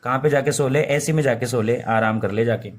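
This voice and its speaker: A man's voice: mid-range voice, a little fast. A young man teaching English vocabulary in a casual lesson, repeating each meaning and asking questions that he answers himself. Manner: repetitive, asks questions and answers them himself, playful mnemonics. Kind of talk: informal Hindi-medium lesson.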